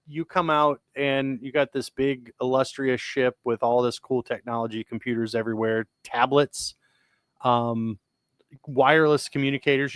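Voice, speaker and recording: Male podcast co-host, casual rambler, even mid voice, dry studio sound. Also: medium pitch, clean tone, dry recording. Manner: rambling, restarts often, enthusiastic about sci-fi tech. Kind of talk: casual chat.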